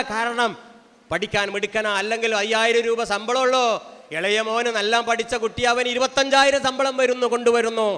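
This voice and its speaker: A man's voice: extremely high pitch, fairly bright tone. A man gives an impassioned speech at a family gathering, preaching with rhetorical questions and repetition. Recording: long hall reverb.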